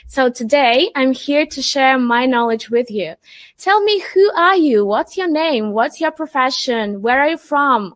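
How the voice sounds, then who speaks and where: A young woman with a high voice hosts a live webinar as a marketing manager, upbeat and chatty as she reads chat greetings and welcomes viewers by name.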